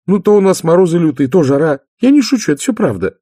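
Man doing a shrill restless young sister. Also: sing-song, dark tone, no echo, studio quality. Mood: restless pleading. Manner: eager, whiny, rushed. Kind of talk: audiobook character voice.

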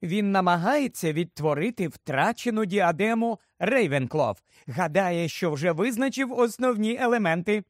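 A man's voice: high-pitched, expressive, moderate pace, hardly any pauses, dry recording, clean studio sound, voice pushed up. A man voicing a dreamy, odd teenage witch girl, speaking airily and matter-of-factly.

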